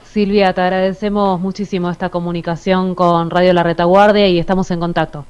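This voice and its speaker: A woman's voice: on the low side, little pitch movement, a little fast, darkish tone, clear, resonant tone, muffled recording. A woman with a Rioplatense accent, a radio host chatting casually and telling stories on air. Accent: Rioplatense Spanish. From Argentina. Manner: chatty and storytelling.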